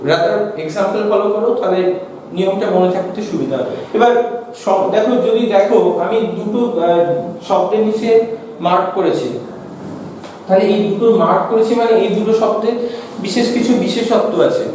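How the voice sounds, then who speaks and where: A man with a Bengali accent, teaching a grammar class in a high, mellow voice. He sits back from the mic in a very echoey room, with faint noise behind him. He keeps asking the class questions and answering them himself. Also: moderate pace, long pauses, distant mic.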